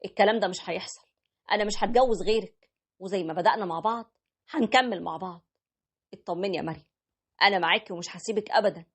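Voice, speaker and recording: A woman's voice: medium pitch, quick pace, pauses often, slightly rough. A woman narrating a story as a young married man who stands by his wife, in a plain conversational retelling. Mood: earnest.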